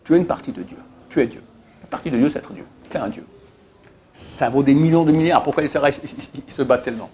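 With slight background noise, a man in a mid-range voice talks fast through an informal Torah lesson. He tells anecdotes animatedly and repeats points for emphasis. Frequent hesitations show up, mostly as "euh."

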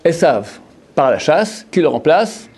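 Male Torah teacher, husky, animated delivery, quizzes the room. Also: fairly high pitch, a little slow. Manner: repeats phrases, asks the listeners questions. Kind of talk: Torah lesson to a group of men.

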